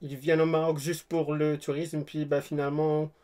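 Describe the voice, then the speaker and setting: Young Moroccan-accented man, high voice. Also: flat delivery, normal speed, warm tone. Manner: laughs often, mixes in English words. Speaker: guest. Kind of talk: casual chat.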